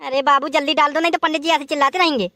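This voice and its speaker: A woman's voice: sits high, steady tone, very fast, background noise, close to an everyday voice. A woman voicing a boastful, broke young groom in a comic cartoon, coaxing and breezy as he talks his way out of things.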